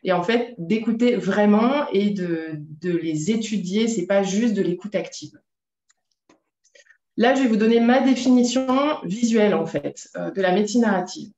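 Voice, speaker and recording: A woman's voice: medium pitch, moderate pace, mellow. A woman veterinarian gives a presentation in a loose, conversational way, stopping often to find her words. She explains patiently, walking the audience through slides. The sound is roomy and a bit dull, like a lo-fi capture in an echoing space. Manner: conversational, explanatory, with frequent hesitations.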